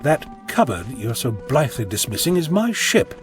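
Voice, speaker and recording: A man's voice: mid-range voice, big pitch swings, moderate pace, soft background music, natural voice. A man playing an eccentric, flippant time-travelling doctor in an audio drama, theatrical and playfully sarcastic. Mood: wry, assured.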